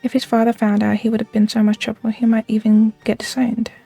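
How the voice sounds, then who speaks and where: Woman reading as a mellow, confiding village gossip. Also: a little high, flat delivery, brisk, creaky, breathy edge, soft background music. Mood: confiding, gossipy. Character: gossipy villager, eagerly spilling a noble family's secrets. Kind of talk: read-aloud game character dialogue.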